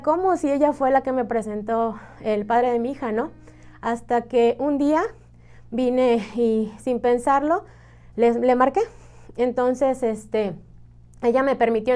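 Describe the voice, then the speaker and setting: A woman's voice: a little high, mellow. A woman from Mexico with a Mexican accent giving an earnest, emotional personal testimony, often tagging her sentences with a questioning "¿no?". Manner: earnest, tags many phrases with a questioning "¿no?"; emotional storytelling. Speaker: church member giving testimony.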